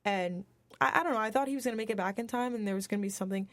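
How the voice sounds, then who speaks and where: A woman's voice: mid-range voice, very fast, dry recording. A young woman co-hosting a college radio film show, chatting animatedly and acting out her reactions. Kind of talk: casual film review chat.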